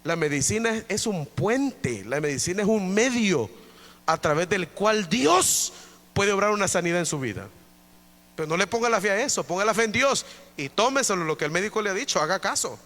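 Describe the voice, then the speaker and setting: A man preaching an evening church sermon in a high, bright, ringing voice. He drives his points home through emphatic repetition and keeps calling out to his brothers in the pews. The sound carries the long echo of a church hall. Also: lively intonation, brisk. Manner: emphatic preaching with many repetitions, often addressing listeners as brother. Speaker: pastor. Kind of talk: evangelical sermon. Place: church during an evening service.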